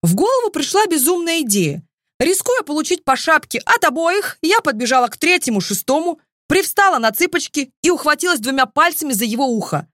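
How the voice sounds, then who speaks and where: A woman narrating a first-person fantasy audiobook in a lively, expressive storytelling manner, close to the mic. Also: high-pitched, a little fast, dry recording.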